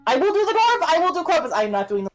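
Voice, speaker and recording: A woman casually chatting and joking while streaming a co-op game, playful and animated. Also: very high voice, racing, rough recording.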